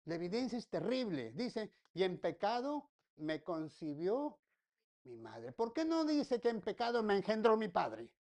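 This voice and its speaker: A woman's voice: medium pitch, big pitch swings, a little slow, darkish tone. Lady pastor preaching, says things twice, asks the church rhetorical questions, jokey folksy asides. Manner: repeats phrases, asks the congregation rhetorical questions. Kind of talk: sermon.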